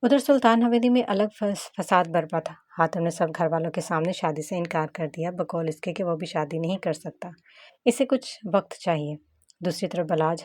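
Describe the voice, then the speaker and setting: Woman narrator, lowish voice, dry close sound, steady storytelling. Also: no echo. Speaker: audiobook narrator. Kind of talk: scripted novel narration.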